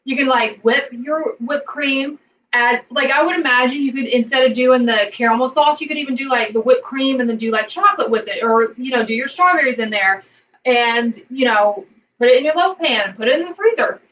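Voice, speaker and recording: A chatty woman talks through a recipe in her home kitchen, rambling and full of fillers. Her voice sits a little high. She stands back from the mic, and the sound is slightly dull and lo-fi, with faint noise behind her. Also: fairly quick, a bit bright, far from the mic. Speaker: cooking vlogger. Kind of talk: casual cooking demo.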